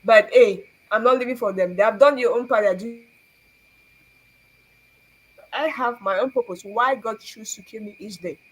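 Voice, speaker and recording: With a slightly high voice, a normal pace and long pauses, a young Cameroonian woman leads a faith talk as its host. The recording quality is low, and she comes across earnest and preachy, laughing a lot and asking rhetorical questions.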